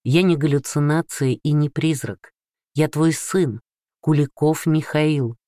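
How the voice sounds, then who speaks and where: A man voicing an earnest young adult son who speaks gently but insistently. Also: a little high, a little slow, no room sound, studio quality, natural voice.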